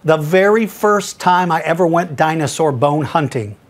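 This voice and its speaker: A man's voice: a little high, expressive, normal speed. A man hosting a paleontology podcast, answering listener questions in an enthusiastic, folksy way and calling listeners buddy.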